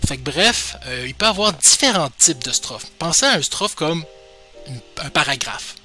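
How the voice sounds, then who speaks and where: A male teacher explains the basics in a loose, chatty way. He jokes and pokes fun at himself as he goes. His voice is bright, with faint music behind it. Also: a little high, animated, moderate pace. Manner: chatty, joking, self-deprecating. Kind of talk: casual explanatory lesson.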